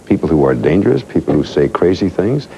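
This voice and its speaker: A man reading television news and then hosting a studio interview in a measured, formal manner. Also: low voice, sing-song, vocal fry, mellow, a little hiss or hum. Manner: measured, formal newsreader delivery. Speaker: TV news anchor and talk show host. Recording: dull lo-fi 1990s TV audio.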